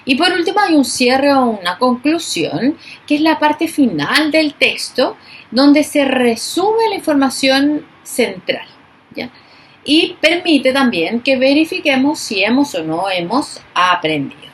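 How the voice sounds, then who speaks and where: A woman teacher giving a recorded class, speaking slowly and emphatically and stressing each example word. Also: high voice, sing-song.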